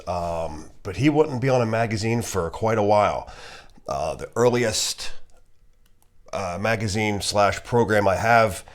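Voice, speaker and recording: A man with a broken nose and slightly off breathing gives unscripted, halting commentary as he presents a collection of magazines. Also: fairly low pitch.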